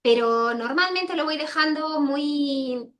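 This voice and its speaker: A woman's voice: high-pitched, slow pace, a bit bright, a little hiss or hum. A woman author answering interview questions over a video call, rambling and correcting herself and often repeating phrases. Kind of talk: casual spoken interview answers.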